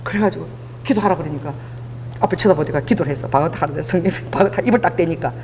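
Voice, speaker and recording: A woman pastor preaching a sermon, telling stories in an animated way and laughing as she goes. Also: low-pitched, racing, in a large hall, slight background noise.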